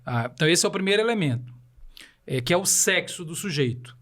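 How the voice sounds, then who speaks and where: A man from Belém do Pará, Brazil, speaks with a Paraense Brazilian Portuguese accent as a podcast guest. His voice is a little high and a bit bright, and he talks fast and animatedly. He explains ideas in a didactic way, tossing in rhetorical questions as he goes.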